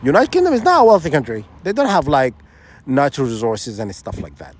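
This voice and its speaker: A man's voice: mid-range voice, very animated, brisk. A man from Sudan, giving an insistent, rambling opinion monologue full of restarts and rhetorical questions. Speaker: vlogger.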